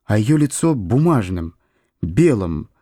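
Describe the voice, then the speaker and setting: Slow measured male audiobook narrator. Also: lowish voice, big pitch swings, warm tone, dry recording, clean studio sound. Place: studio.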